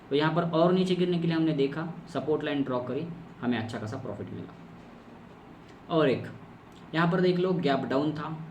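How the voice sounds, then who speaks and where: A trading course instructor with a fairly high, slightly mellow voice explains a chart strategy step by step in a screen-recorded lesson. He repeats key terms and asks himself questions. The audio is echoey, with a distant mic and faint noise.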